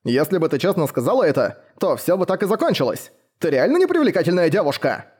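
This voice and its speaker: A man's voice: on the high side, very animated, fast talker, darkish tone, slightly rough, voice pushed up. A man voicing a bold, blunt young male retainer who argues earnestly. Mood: teasing.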